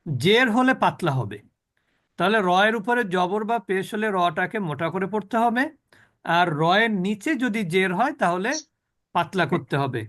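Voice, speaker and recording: A man teaching a recitation class, patiently repeating key points, quizzing his students and slowly demonstrating letter sounds. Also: high-pitched, fairly bright tone. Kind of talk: online tajweed class.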